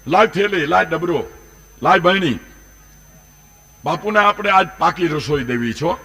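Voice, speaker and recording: A man voicing an eager, bossy village devotee who gives hurried orders to his wife in a folk tale. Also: fairly high pitch, expressive, pushed and bright, exaggerated voice. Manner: commanding, hurried.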